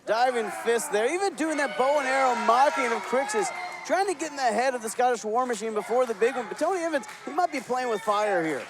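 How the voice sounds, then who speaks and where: A man's voice: extremely high pitch, expressive, brisk. A man calling wrestling play-by-play, sarcastic and exasperated with his broadcast partner. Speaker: play-by-play commentator. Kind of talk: wrestling commentary.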